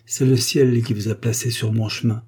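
A tender, grateful young girl speaks softly and earnestly, as a man reads her lines in an audiobook. The voice has a dark, mellow timbre with a husky edge. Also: medium pitch, steady tone, moderate pace, close to an everyday voice.

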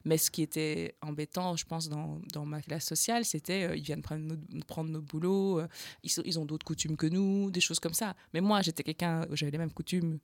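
A woman's voice: low-pitched, fairly even intonation, moderate pace, darkish tone, no echo. A woman from the Charleroi area of Belgium with a Charleroi accent, a slam poet chatting animatedly as an interview guest and laughing often. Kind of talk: casual interview storytelling.

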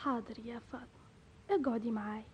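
A woman acting a spirited young village woman in an old Egyptian radio drama, with an Egyptian Arabic accent and an expressive delivery. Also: on the high side, fast talker, husky. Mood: hushed. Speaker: Maysoun, heroine.

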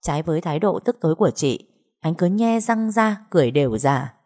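Brief: female storyteller, lower pitch, steady dramatic narration. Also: a little fast.

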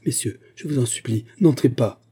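A man's voice: mid-range voice, normal speed, dark tone, slightly rough. A man voicing a frightened young guardsman who begs his friends to stay back, tense and pleading. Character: frightened young male guardsman hiding a secret.

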